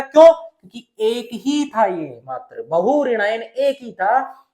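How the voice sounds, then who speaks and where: A male teacher from Rajasthan explaining a chemistry lesson step by step, often asking a question and then answering it himself. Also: very high voice. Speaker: science teacher.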